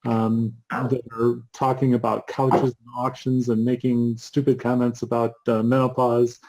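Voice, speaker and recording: A man co-hosting a casual book show, halting and full of ums, with dry asides. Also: medium pitch, little pitch movement, darkish tone, poor audio. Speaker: co-host. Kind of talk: casual chat about books.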